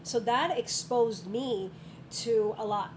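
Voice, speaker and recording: A woman's voice: fairly high pitch, slow, rough recording. A woman school counselor chatting casually in an interview, telling stories with frequent ums. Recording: steady background noise.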